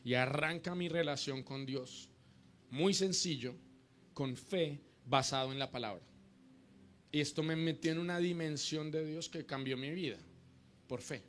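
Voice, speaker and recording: A man's voice: fairly high pitch, a little slow, slight background noise. A middle-aged man preaching a sermon, teaching in short repeated phrases and calling the congregation to repeat after him.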